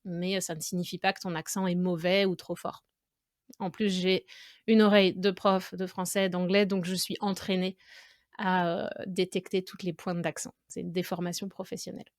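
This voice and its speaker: A woman's voice: medium pitch, dry recording. French woman, dry close voice. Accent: French from France. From France. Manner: thoughtful, musing, pauses often with "heu". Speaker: podcast host and language teacher. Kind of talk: conversational podcast lesson.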